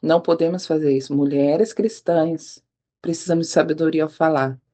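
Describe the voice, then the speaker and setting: A woman giving a spontaneous devotional talk, speaking earnestly and warmly addressing her listeners. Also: low voice, fairly even intonation, moderate pace.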